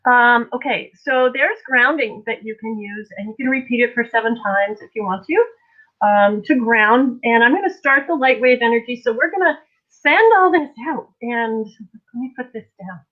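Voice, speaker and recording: Casting: middle-aged woman as energy healer on a live stream, higher-pitched voice, loose scattered delivery, thin phone-quality sound. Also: moderate pace. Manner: rambling, scattered, informal. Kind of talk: casual live-stream guided energy healing session. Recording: tinny, narrow phone-like audio.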